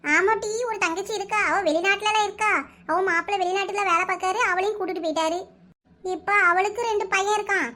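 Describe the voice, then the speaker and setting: A betrayed village wife wails and rants in a piercing, very high cartoon voice, as a woman acts her out. She speaks with a Kanyakumari Tamil accent and pours out her grievances in broad, melodramatic lament. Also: fairly even intonation, fast, bright, forceful tone. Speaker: voice actor. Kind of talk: cartoon voice acting.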